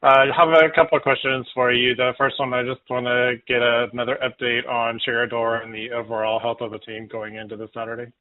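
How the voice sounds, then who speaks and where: A man's voice: mid-range voice, little pitch movement, fairly quick, few pauses. A man, a reporter, asking a coach questions on a media call, hesitant with many fillers. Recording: phone line.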